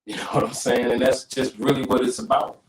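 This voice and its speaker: A man's voice: mid-range voice, level tone, a little fast. Man, bad connection, clipping mic, echoey room, earnest, remote interview guest. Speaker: guest hip hop artist. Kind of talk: casual remote podcast interview. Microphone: remote call mic.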